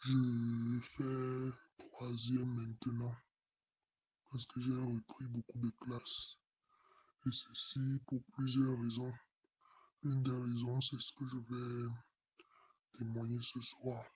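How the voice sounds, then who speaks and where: A young man in his late teens, his voice altered by a voice changer, reading a personal testimony in a halting way. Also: mid-range voice, husky, no room sound, lo-fi sound. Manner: slow, flat, halting delivery. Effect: voice changer disguising the voice.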